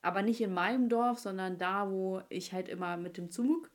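A young woman hosting a casual podcast chat, a lively storyteller who acts out both sides of her conversations. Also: mid-range voice, moderate pace. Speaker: podcast host and video creator.

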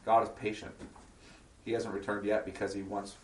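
Man, low voice, casual Bible study teacher, reads scripture then unpacks it, recorded from a distance in an echoey room. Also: level tone, normal speed, a little mellow, slight background noise. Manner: asks the group check-in questions. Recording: echoey room, voice far from the mic.

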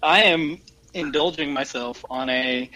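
Crowd noise sits behind a man whose voice is on the high side as he casually co-hosts a podcast. He rambles, hesitates and corrects himself, sounding like he's calling in over a poor internet connection.

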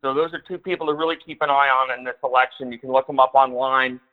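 A man's voice: mid-range voice, flat delivery, quick pace. A man calling in over a choppy phone line, chatting casually, rambling and hedging with the odd swear word. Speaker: caller. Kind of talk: casual call-in chat.

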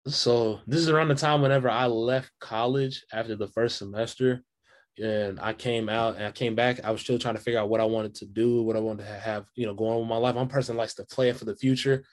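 A young adult man, a guest musician, chats casually on a video call for an interview, talking loosely and rambling with lots of fillers. His voice is medium-pitched and fairly quick, with fairly even intonation.

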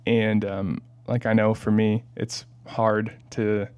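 A man's voice: fairly low pitch, little pitch movement, takes it slowly, a little mellow, clear, resonant tone. A man hosting a parish podcast in casual chat, often hesitant with fillers and restarts. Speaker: podcast host.

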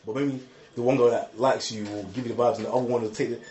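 A young man telling an excitable, slangy story with lots of repeated words and laughter. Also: medium pitch, fast, echoey room. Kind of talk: animated casual storytelling.

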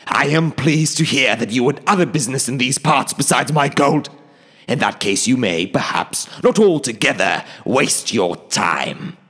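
A man voicing an ancient, huge, boastful male dragon in an audiobook reading, slow and grandiose, swelling to sudden booming lines. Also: lively intonation, fairly bright tone, husky, in a large hall. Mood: mocking.

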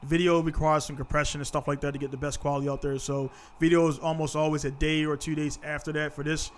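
A man's voice: on the high side, little pitch movement, fast talker, a little hiss or hum. A man in his thirties hosting a casual podcast chat, laid-back and peppering his talk with "man". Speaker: podcast host.

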